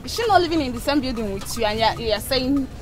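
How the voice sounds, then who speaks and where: A woman's voice: high voice, expressive, fast, soft background music. An actress with a Nigerian accent playing a young woman who presses for gossip. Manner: prying, insistent. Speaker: young neighbor.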